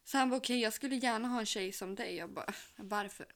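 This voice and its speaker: A young woman in casual chat, acting out both sides of a chat story with a quick, giggly delivery. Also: fairly high pitch. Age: young adult.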